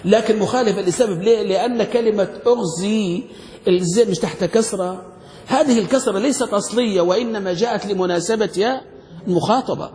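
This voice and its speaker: High-voiced grammar teacher in echoey hall. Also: male voice, fast talker, darkish tone. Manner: quizzing students with frequent questions. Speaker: sheikh teaching Arabic grammar. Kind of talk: classroom grammar lesson.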